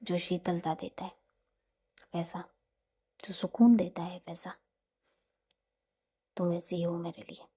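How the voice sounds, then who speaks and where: A tender, teasing young woman in love, voiced by a woman reading the story. She speaks softly, often half in a whisper, in a warm, breathy tone with a gravelly edge. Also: medium pitch, normal speed.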